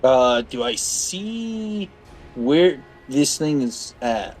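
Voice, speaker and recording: A man's voice: mid-range voice, sing-song, drawn-out words, darkish tone, faint music behind, rough recording. Man chatting as a tabletop player. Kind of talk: casual chat.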